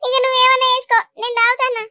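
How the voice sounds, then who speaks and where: A woman voicing an emotional older village mother in a cartoon, pleading dramatically in a high-pitched voice. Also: level tone, racing, sharp tone, no echo, clean studio sound, exaggerated voice. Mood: coaxing. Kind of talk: Telugu cartoon dubbing.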